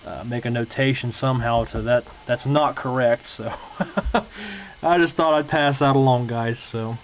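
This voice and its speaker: A man shows viewers his repair work from a home workbench, talking in an unscripted, plain, folksy way. His pitch is medium, his intonation fairly even, his speed normal. A handheld camera's built-in mic records it with muffled, lo-fi sound and an obvious hum.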